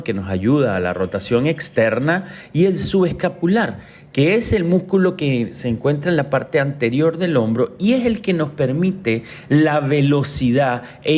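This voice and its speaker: A man's voice: medium pitch, a little mellow. A man from Venezuela, an orthopedic doctor, giving an explanatory medical talk with frequent hesitation fillers.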